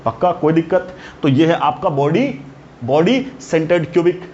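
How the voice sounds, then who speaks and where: A man's voice: on the high side, darkish tone. A male teacher giving a lecture, who keeps checking with his students and calls them "beta". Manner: keeps asking the students questions. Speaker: chemistry teacher. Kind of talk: classroom lecture. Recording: dull lo-fi recording, faint hiss.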